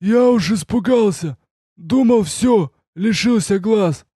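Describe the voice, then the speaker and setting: A man voicing a frightened, tearful young soldier with a high, strained, whimpering voice. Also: slow, warm tone, husky, dry recording, clean studio sound, exaggerated voice. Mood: relieved. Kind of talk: audiobook character voice.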